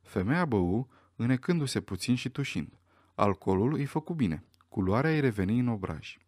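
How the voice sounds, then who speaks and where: Expressive male audiobook narrator. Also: medium pitch, no room sound, clean studio sound. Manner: expressive, dramatic.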